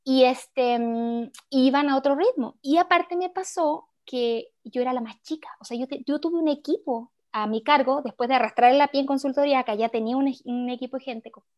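A woman, the guest of an interview, telling a work story in an animated, chatty way full of little fillers. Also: high-pitched, normal speed, hardly any pauses. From Chile. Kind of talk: conversational storytelling.

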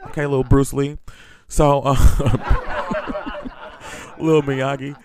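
A man's voice: mid-range voice, flat delivery, moderate pace, over a noisy crowd. A man from Washington, D.C. hosting a podcast, telling a crude story with candid, comic storytelling and frequent laughter. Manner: crude, laughs often, chatty. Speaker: podcast host. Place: studio.

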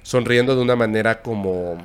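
Un hombre con acento mexicano narra con calma una historia de terror en una charla informal, con pausas y tono bajo. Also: male voice, lowish voice, clear, resonant tone. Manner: recounting a scary story, hushed and halting. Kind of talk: casual storytelling.

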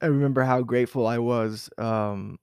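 A man's voice: medium pitch, fairly even intonation, normal speed, a little mellow, smooth, no echo, studio quality. A man from southern Arizona recalling a personal memory in an unscripted interview, hesitant and reflective, with many fillers and restarts. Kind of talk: unscripted oral-history recollection.

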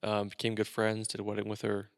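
A man with a low, gravelly voice chats casually as a podcast co-host. He jokes around and rambles with plenty of fillers. The sound is dry and close, with no room echo. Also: completely flat delivery, fast talker. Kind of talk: casual chat.

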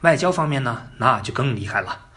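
A man's voice: mid-range voice, lively intonation, brisk, sharp tone. A man telling history as a casual story, colloquial and joking, with asides to the listener. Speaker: narrator.

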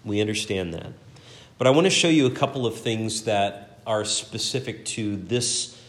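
A man's voice: lowish voice, animated, moderate pace. A man teaching a Sunday school class, reading scripture aloud with earnest emphasis and often repeating words as he searches for phrasing. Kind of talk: Bible teaching.

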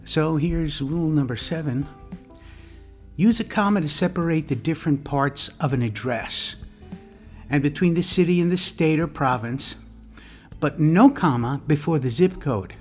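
A teacher giving a scripted English grammar lesson in a deliberate, didactic way, dictating example sentences with the punctuation spoken aloud. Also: mid-range voice, darkish tone, soft background music. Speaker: English teacher, podcast host.

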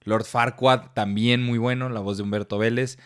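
A man's voice: medium pitch, normal speed. A man with a Mexican accent co-hosting a podcast in casual, slangy chat. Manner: animated, slangy, quotes lines in funny voices. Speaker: podcast co-host.

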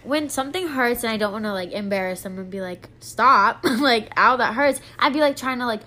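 A woman's voice: on the high side, expressive, fast, fairly bright tone. A woman co-hosting a casual, frank chat. She is chatty, agrees often and laughs easily. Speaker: podcast co-host.

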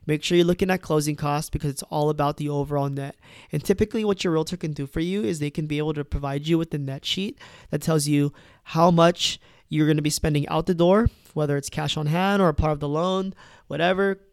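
A man's voice: on the high side, fairly even intonation, brisk, clean tone, no room sound, clean studio sound. A man who works in real estate, sounding stuffed up from a cold, gives casual advice and keeps checking in with "right?" and "you know.". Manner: conversational, tags points with "right?" and "you know". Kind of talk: casual advice talk to camera.

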